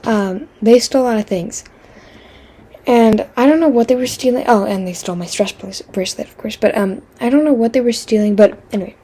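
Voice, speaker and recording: A woman vlogger draws while telling a rambling, casual storytime, packed with fillers, self-interruptions and wry deadpan asides. Her voice is fairly high and breathy-edged, and she speaks briskly.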